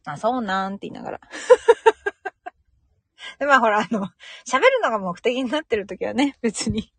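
A woman's voice: a little high, expressive, normal speed, breathy edge, dry recording. A young woman, chatting casually on her own podcast, laughing and imitating local greetings. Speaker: podcast host. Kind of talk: casual solo chat.

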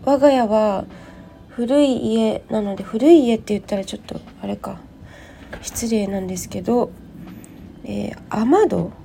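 A woman host speaks in a gravelly, croaky voice, hoarse from having just woken up. Her pitch sits fairly high and her tone is soft-edged and mellow. She chats politely and loosely, thinking aloud as in a casual audio diary. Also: unhurried, slight background noise. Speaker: host of a personal audio show and tea and clay teacher. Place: at home. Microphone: smartphone.

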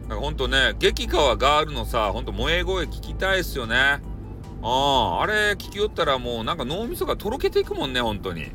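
A man's voice: mid-range voice, wildly swooping pitch, brisk, bright, forceful tone, soft background music. A man with a Kyushu Japanese accent rambling casually and jokily as a solo broadcaster, using lots of colloquial tags. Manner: colloquial and jokey, with repeated "ne" tags. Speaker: solo audio-app broadcaster.

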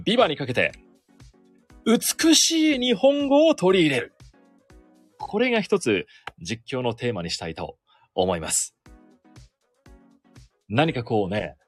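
A sports announcer in his 30s hosts a solo podcast, chatting casually and self-deprecatingly about his work in a radio-style way. His voice is mid-range with a breathy edge.

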